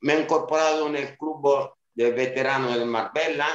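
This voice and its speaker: A Sicilian man in his fifties, a club director, talks at normal speed with medium pitch and fairly even intonation, his Italian accent clear as he gives casual interview answers. He is hesitant, using many fillers and restarts, while the webcam audio from his small home room sounds roomy and dull.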